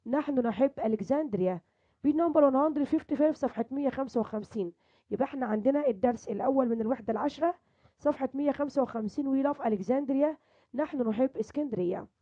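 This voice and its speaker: A woman's voice: sits high, phone-quality sound. A woman with an Egyptian Arabic accent teaching an English lesson to children, repeating each word several times and addressing the kids directly. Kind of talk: online lesson, repeating vocabulary.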